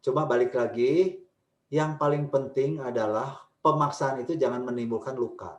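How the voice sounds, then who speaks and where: A man answering questions as a speaker in a church family webinar, talking emphatically and stressing points with pitch. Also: fairly even intonation, normal speed, roomy sound. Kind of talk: webinar Q&A talk.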